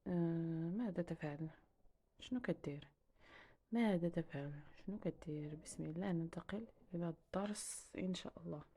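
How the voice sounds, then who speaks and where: A woman gives a language lesson, saying each phrase and then repeating it. Her voice is rather low, mellow and a little breathy. Her delivery is measured and steady. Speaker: language teacher.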